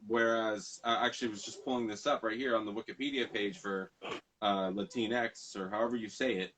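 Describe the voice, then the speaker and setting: A man's voice: lowish voice, fairly even intonation, brisk, fairly bright tone, a little hiss or hum, poor audio. A man hosting a casual conversation, rambling and often correcting himself mid-sentence. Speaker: podcast host.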